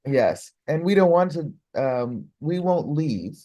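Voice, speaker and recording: A woman's voice: sits low, lively intonation, warm tone, no echo. A woman from the United States hosting a live workshop, giving effusive closing thanks with frequent laughter. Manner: effusive, laughing, slow and drawn-out. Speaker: workshop host.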